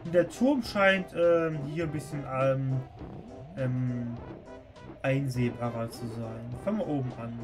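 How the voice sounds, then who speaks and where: A man's voice: medium pitch, slow. A man giving casual live commentary as he plays a game on stream. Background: video game music.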